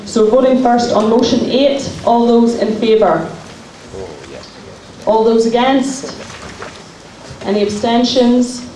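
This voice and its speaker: A conference chair briskly running a vote in a procedural manner. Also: medium pitch, warm tone. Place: large conference hall. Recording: very echoey hall from far off, hiss.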